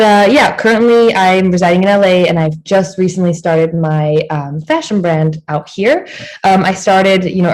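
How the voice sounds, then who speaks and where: A woman with a Belgian accent speaks earnestly and at length, her voice sitting slightly low. She is a guest in a relaxed interview over a video call. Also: low-quality recording. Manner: earnest, long rambling answers. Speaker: guest, new fashion designer. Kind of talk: casual interview chat.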